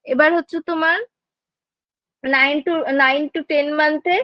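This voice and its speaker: Woman tutor, high voice, quizzing style, dry muffled home recording. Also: fairly even intonation, measured pace, no room sound. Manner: explains step by step, asks and answers her own questions; frequent check-ins to students. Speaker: nursing exam tutor. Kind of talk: online lecture.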